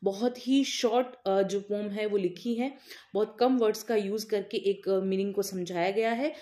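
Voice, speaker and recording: A woman's voice: mid-range voice, fairly even intonation, mellow. A woman teacher, giving an exam-focused literature lecture that mixes Hindi and terms, asking questions and answering them herself. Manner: explains in Hindi with many English terms and filler pauses; repeats key points, asks and answers her own questions.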